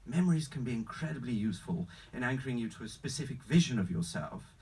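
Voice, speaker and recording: A man acting as an unflappable, courteous travel agent with a faintly sinister sales pitch, in a screenplay table read. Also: expressive, quick pace, a little mellow, slightly rough, far from the mic. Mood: smoothly coaxing. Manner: formal, courteous, salesman-like, calls the customer sir.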